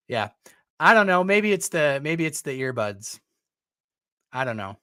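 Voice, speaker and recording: A man's voice: a little high, sing-song, takes it slowly, pushed and bright, smooth, no echo, studio quality. A man hosting a live call-in stream, talking casually with many fillers and restarts. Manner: chatty, frequent fillers and restarts. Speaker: podcast host.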